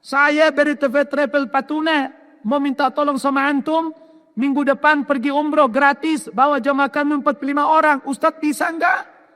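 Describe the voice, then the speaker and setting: A man voicing a polite woman calling from a TV station, making brisk, courteous requests. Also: sits high, flat delivery, a bit bright, voice pushed up. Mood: eager. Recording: long hall reverb.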